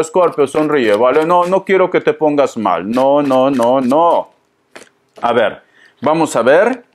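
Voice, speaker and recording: A man giving a chatty tarot reading who keeps calling the listener darling. He speaks from home, in a hot room with a fan running. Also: a little high. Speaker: tarot reader.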